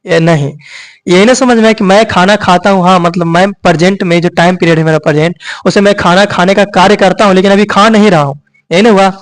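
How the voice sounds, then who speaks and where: This grammar lesson comes from a coaching teacher with a lilting male voice that is high and light, his intonation fairly even. He asks questions and answers them on his own, checking almost constantly that the students have understood by repeating "ठीक है" and "यही ना."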